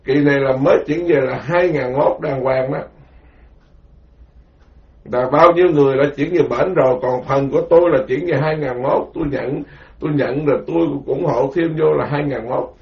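A man, a Buddhist monk, giving a rambling, animated dharma talk full of stories. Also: mid-range voice, moderate pace. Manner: rambling, animated storytelling with quoted voices. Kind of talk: informal spoken sermon. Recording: dull lo-fi recording.

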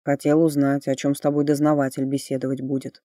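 A woman reader voicing a grumpy, hoarse male talking skull who snaps and grumbles. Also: a bass voice, level tone, fast, warm tone, no echo, clean studio sound, pitched below the performer's own voice. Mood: grumbling. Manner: grumbling, snappish.

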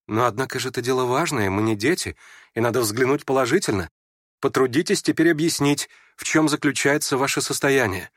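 A man's voice: mid-range voice, fairly quick, a bit bright, dry recording, studio quality, lightly acted. A man reading aloud and voicing a proud, ironic young noblewoman in a storybook reading. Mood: cool mocking. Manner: haughty, ironic questioning.

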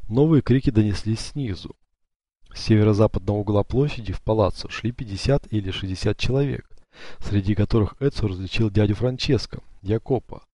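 A man narrating an audiobook in a steady, measured way. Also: lowish voice, dry recording. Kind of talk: scripted narration.

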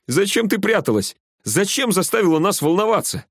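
An overwrought young man speaks in a strained, raised, excited voice, as a man puts him on well above his own low pitch. It is a storybook audiobook, dry and close. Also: normal speed, slightly rough, dry recording. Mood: frantic relief.

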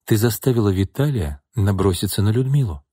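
A man's voice: fairly low pitch, lively intonation, fairly quick, warm tone, slightly rough, no room sound, studio quality. A man doing a blunt, fiery old servant woman. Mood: stern accusing.

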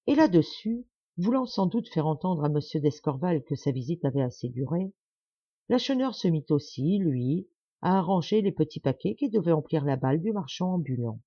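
Expressive woman reading a classic novel. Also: sits low, normal speed, husky, no echo, dull audio. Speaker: audiobook reader. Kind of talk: scripted narration.

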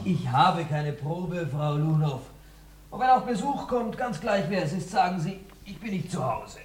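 An actor playing a flustered young playwright son in a classic radio play. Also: male voice, on the high side, lively intonation, close to an everyday voice. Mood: evasive. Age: young adult. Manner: flustered, evasive, hurried.

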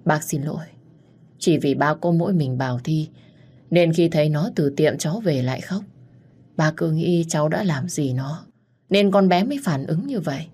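A woman voicing a hot-tempered middle-aged father, stern and gruff, in a low voice. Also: animated, moderate pace, darkish tone. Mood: regretful.

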